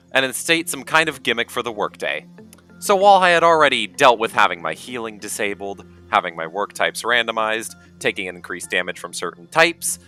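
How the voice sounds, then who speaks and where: Low-pitched, bright male narrator for a gameplay video, animated delivery, wry and self-mocking, soft music underneath. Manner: wry, dry self-deprecating humor. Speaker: gaming video creator.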